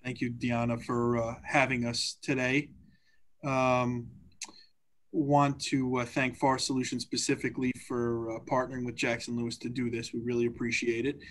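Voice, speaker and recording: Halting, even-toned man introducing a webinar. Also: mid-range voice. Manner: hesitant, halting delivery. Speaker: employment lawyer, webinar panelist.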